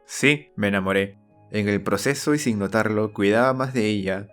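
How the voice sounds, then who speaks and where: A young man with a lowish, smooth voice speaks at a normal speed over background music. As a storyteller and channel host, he delivers an earnest, confessional scripted narration of his own life, acting out the dialogue.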